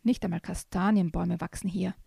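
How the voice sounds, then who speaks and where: A sulky young man in a storybook forest, as a woman reading aloud puts him on, grumbling under his breath about the trees and the dark. The voice is low and mellow, with a gravelly edge and no room sound at all. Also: steady tone, brisk, no room sound, clean studio sound, exaggerated voice.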